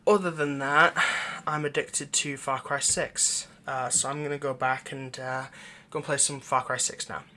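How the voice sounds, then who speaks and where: This is a casual outro with plugs from a male audio roleplay creator, who chats loosely and hesitantly with his viewers. His mid-range voice has fairly even intonation and a moderate pace, sounding pushed and bright over slight background noise.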